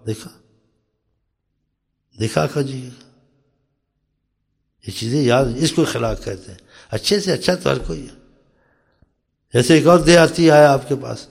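A man preaching a storytelling sermon who speaks straight to his listeners, asks them rhetorical questions and often drops into soft, quiet asides. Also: mid-range voice, vocal fry, pauses often. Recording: long hall reverb.

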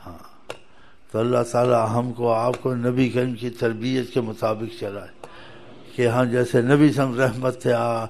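A man's voice: mid-range voice, level tone, darkish tone. A man preaching a storytelling sermon in a folksy way, chuckling at times and rising to emphatic exhortation.

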